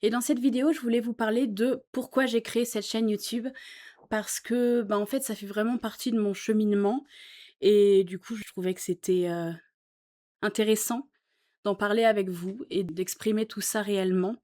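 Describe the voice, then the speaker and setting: A woman's voice: medium pitch, steady tone, normal speed, warm tone. A woman musician talking earnestly to camera from a sofa in her small office, in a casual chat full of fillers. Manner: earnest, thoughtful, with many fillers. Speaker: YouTuber and musician.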